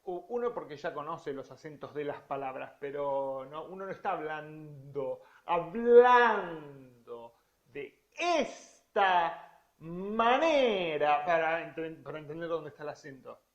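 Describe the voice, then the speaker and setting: A man's voice: on the high side, steady tone, moderate pace, few pauses, lo-fi sound. A man with a Rioplatense Spanish accent teaching a beginner piano lesson, explaining rhythms and counting beats aloud, sometimes stretching out words for emphasis. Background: piano playing.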